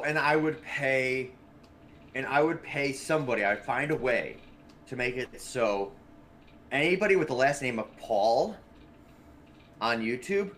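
A man's voice: medium pitch, fairly bright tone, slight background noise. A man co-hosting a casual podcast, telling rambling stories full of swearing. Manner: profane, rambling storyteller. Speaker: podcast co-host.

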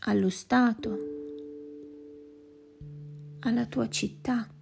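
Slow gravelly-voiced woman guiding meditation. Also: on the high side, steady tone. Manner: slow, soft, partly whispered delivery. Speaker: meditation guide. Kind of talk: guided meditation. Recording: music playing behind voice. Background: plucked guitar music.

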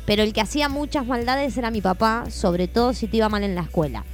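A woman's voice: on the high side, quick pace, soft background music. A woman with an Argentine accent, co-hosting a radio chat show and animatedly acting out family stories. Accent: Argentine Spanish. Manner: animated, acts out family scenes. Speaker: co-host. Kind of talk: casual radio chat, storytelling.

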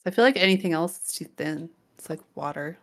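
A woman with a slightly low voice chats on a podcast, putting questions to the guest in a relaxed, wry tone. Her delivery is plain and conversational. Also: brisk. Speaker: podcast co-host. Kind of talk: casual chat.

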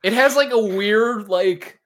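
A podcast host with a medium-pitched, mid-range voice speaks slowly and loosely about anime and games. He is opinionated and jokey, swearing casually and often.

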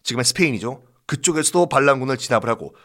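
A history storyteller and podcast host tells history in an animated, conversational way that is dramatic, jokey and full of emphatic repetition. His mid-range voice has lively intonation and a fairly bright tone, and his delivery is rapid-fire.

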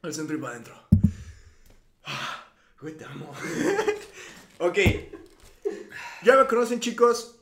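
A man co-hosting a casual podcast, excitable and swearing, bursting into shouts. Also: sits high, a little slow, long pauses, heavy background noise. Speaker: podcast co-host; music producer and DJ. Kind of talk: casual chat. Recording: roomy echo.

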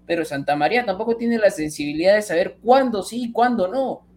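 A man's voice: high-pitched, a little fast, darkish tone. A man giving long, rambling football analysis on a casual stream. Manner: rambling, repeats himself while arguing his point. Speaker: football pundit.

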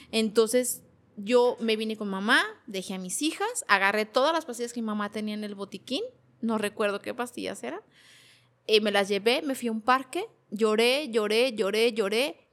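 A woman's voice: a little high, a bit bright. Mexican woman recounting a painful past. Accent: Mexican Spanish. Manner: emotional, repetitive storytelling. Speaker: guest. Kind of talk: personal testimony in a podcast interview.

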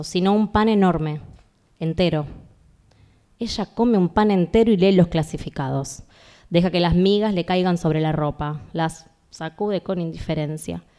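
A woman calmly reading a literary fragment aloud in a measured way, as host of a literary talk. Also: lowish voice, clean tone.

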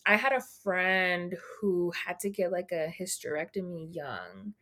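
A young woman from Texas chatting casually, blunt and expressive, swearing freely and acting out what people said. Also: fairly low pitch, measured pace. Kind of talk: casual chat.

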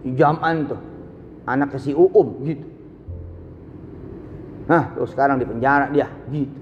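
A man preaching a live sermon, telling stories with sudden swings from low asides to high exclamations. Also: a little slow, big-room sound, highs cut off, a little hiss or hum. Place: large hall, live event.

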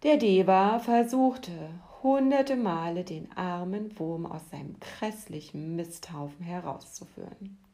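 Slow, soft-spoken woman storyteller. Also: lowish voice. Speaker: podcast host and storyteller. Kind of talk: calm storytelling narration.

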